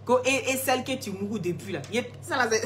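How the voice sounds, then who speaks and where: A skin-product seller hosts a casual live stream from her phone, chatting and teasing through viewer comments with frequent laughs. Her voice is on the high side and a bit bright, she talks fairly quickly, and faint music plays behind her.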